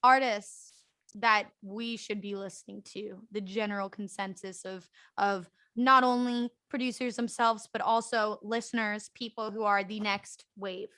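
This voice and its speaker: A woman's voice: medium pitch, steady tone, bright, forceful tone, no room sound. A young woman hosting a podcast, upbeat and enthusiastic in casual interview chat. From United States. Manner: upbeat, enthusiastic, quick reactions. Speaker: podcast host.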